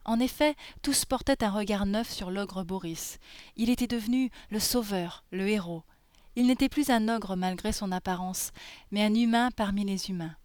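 Brief: woman storyteller, gentle read-aloud, mid pitch, dry close sound. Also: moderate pace, no room sound. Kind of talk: reading a fairy tale aloud.

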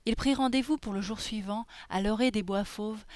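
A woman reading a fairy tale aloud in a soft, gentle storytelling manner. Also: mid-range voice, normal speed, no room sound.

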